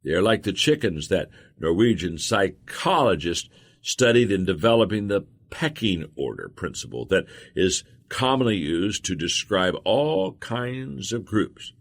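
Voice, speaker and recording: A man narrates a nonfiction audiobook in a very deep voice. His intonation swings widely as he leans on contrasts and key words. The reading stays expressive and emphatic throughout. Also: unhurried.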